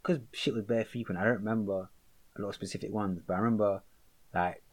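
A young man with a London accent talks casually in a fairly low-pitched voice. His storytelling is animated and packed with slang, as in a relaxed chat between friends. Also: fast talker. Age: young adult.

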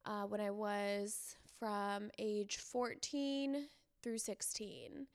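A woman's voice: mid-range voice, steady tone, clean tone, no room sound, clean studio sound. A woman from San Diego, a guest on a podcast, telling her story openly in a casual chat. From San Diego, USA. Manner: open, storytelling, quick bursts. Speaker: podcast guest, content creator.

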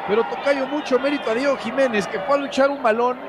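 Casting: Mexican male football announcer, very high excitable voice, breakneck goal commentary over a roaring stadium crowd. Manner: excitable, repeats names, drawn-out goal cries. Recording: noisy stadium broadcast with loud crowd. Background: loud crowd and stadium noise.

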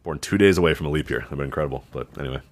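A man's voice: rumbling low, rapid-fire, no room sound. A man co-hosting a podcast in casual banter, with an offhand, informal and sometimes sweary manner. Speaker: podcast co-host.

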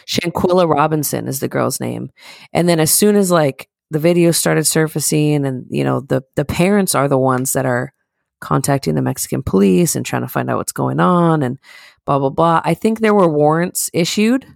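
A woman's voice: deep voice, normal speed, creaky, darkish tone, dry recording, studio quality. A young woman co-hosting a podcast, chatting casually and rambling through a story with loose, profane asides. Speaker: podcast co-host. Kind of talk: casual chat.

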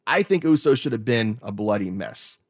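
A man's voice: on the low side, animated, moderate pace, no echo. Man chatting on dry-sounding sports radio. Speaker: co-host of a sports radio show on wrestling. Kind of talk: casual opinionated sports chat.

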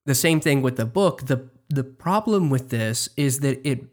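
Measured man adding his view. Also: medium pitch, animated. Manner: measured, building on the other host's point. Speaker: podcast co-host. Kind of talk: casual book discussion.

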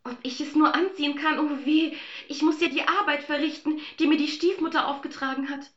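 A woman voicing a gentle young fairy-tale heroine with a high, plaintive voice. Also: steady tone, fairly quick, echoey room, muffled recording. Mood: wistful.

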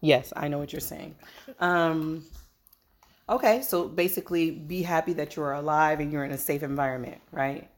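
A woman's voice: low voice, moderate pace, slight background noise. A woman in her thirties, a mother hosting a parenting video, chatting casually and playfully, teasing and laughing often. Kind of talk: casual family chat.

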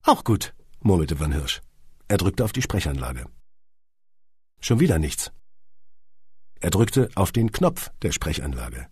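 A man narrating an audiobook with dry humour, now and then turning to address the listener. His voice is low and husky, with a lively, varied melody. The recording is close and dry. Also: unhurried, pauses often, no echo. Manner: wry, dry humour, speaks to the listener directly.

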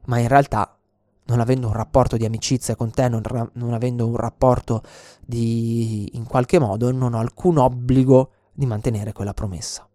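A man's voice: medium pitch, level tone, moderate pace, mellow, no echo. Earnest male instructor, explanatory delivery, close dry mic. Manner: earnest, frequent restarts and "ok?" check-ins. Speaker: self-defense instructor. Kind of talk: explanatory spoken lesson.

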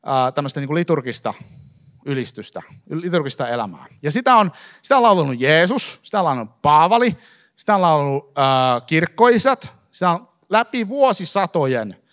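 A man giving a lively sermon to a congregation in a church hall, talking to them directly. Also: on the high side. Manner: lively, fillers and restarts, addresses congregation directly. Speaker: preacher. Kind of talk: live sermon teaching.

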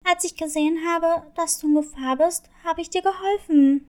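A woman's voice: very high voice, moderate pace, darkish tone. A woman voicing a kind, eager little girl kitten in a children's story. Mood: sweet. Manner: sweet, earnest, eager. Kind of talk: storybook reading.

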